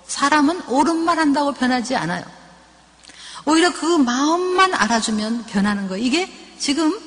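Middle-aged woman, professor, lively storytelling, higher voice, big reverberant hall. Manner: lively storytelling, acting out family dialogues. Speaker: professor lecturing on parenting. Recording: long reverb of a large hall.

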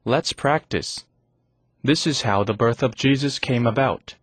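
A man reading short English practice sentences very slowly and clearly for learners. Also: mid-range voice, dry recording. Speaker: English example reader.

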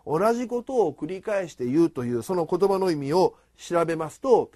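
A middle-aged man preaching a sermon in a formal, measured way, rising for emphasis. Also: on the high side, lively intonation, warm tone, no echo, clean studio sound. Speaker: pastor.

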